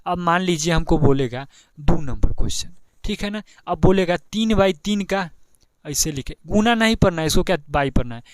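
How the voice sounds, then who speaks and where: A man's voice: on the high side, lively intonation, moderate pace, dry recording. Bihari-accented male maths teacher, chatty. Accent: Bihari Hindi. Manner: chatty, repeats steps, keeps asking "ठीक है ना". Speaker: math teacher. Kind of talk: board exam tutorial.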